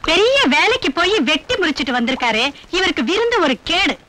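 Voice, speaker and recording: A nagging comic wife. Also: female voice, very high-pitched, big pitch swings, a little fast, fairly bright tone, a little hiss or hum, exaggerated voice. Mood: scolding. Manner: scolding, sarcastic. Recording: film soundtrack with music.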